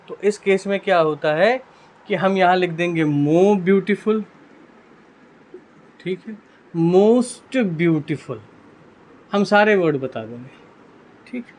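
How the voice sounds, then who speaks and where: A male English teacher with a Hindi accent explaining grammar rules in a classroom lesson, who keeps asking and answering his own questions and repeating "theek hai". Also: high-pitched. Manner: repeats "ठीक है" constantly.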